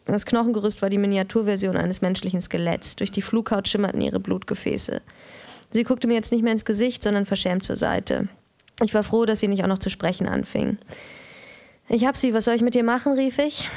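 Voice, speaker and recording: A woman's voice: medium pitch, gravelly, darkish tone. A woman in her thirties, an author, reading her own novel aloud in a dry, matter-of-fact way and stopping now and then to correct herself. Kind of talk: literary reading and casual chat.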